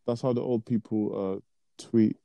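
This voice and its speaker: A man's voice: fairly low pitch, steady tone, measured pace, gravelly, warm tone, no echo. A young man co-hosting a podcast, chatting casually, laughing often and hesitating in slangy asides. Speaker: podcast co-host. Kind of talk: casual chat.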